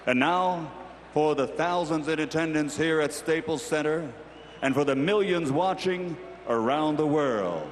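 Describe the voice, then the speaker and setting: A man serves as ring announcer with theatrical lucha libre flair. His fairly high voice booms and stretches names into long shouts. It rings around a big arena with a long echo and clear background noise. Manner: booming showman delivery with long drawn-out shouted names. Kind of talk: grand theatrical fight introductions, in the manner of a lucha libre announcer. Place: large indoor sports arena. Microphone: ring announcer's microphone over arena speakers. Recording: echoing arena PA with loud noise.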